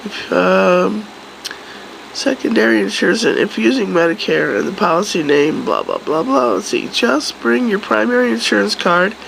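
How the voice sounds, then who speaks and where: Hoarse, congested middle-aged woman, low and gravelly. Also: expressive, normal speed, a little hiss or hum, poor audio. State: sick with a cold, congested and hoarse. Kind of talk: casual vlog chat. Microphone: phone or camera at arm's length.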